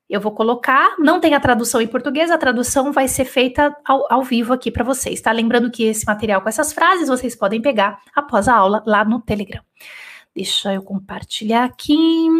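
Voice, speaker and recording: A woman gives a live online French lesson, dictating slowly and then explaining things in relaxed, chatty Portuguese, often checking in with "tá?". Her voice is high-pitched with a fairly bright tone.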